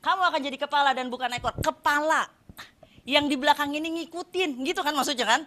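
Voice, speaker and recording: A woman preacher giving a lively sermon, asking the congregation questions and answering them herself. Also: high-pitched, fast talker, a little hiss or hum.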